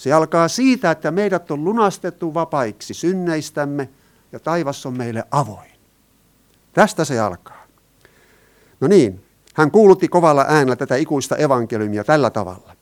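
A man's voice: on the high side, animated. Man preaching with rhetorical questions. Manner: asks the listeners rhetorical questions, rises and falls in emphasis. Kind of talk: sermon.

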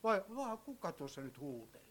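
A man preaching a sermon with a slightly high voice. He tells the story with drama, dropping to a hush and then rising loud, and often turns to ask his listeners questions. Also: sing-song, a little hiss or hum. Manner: storytelling, swinging between hushed and loud.

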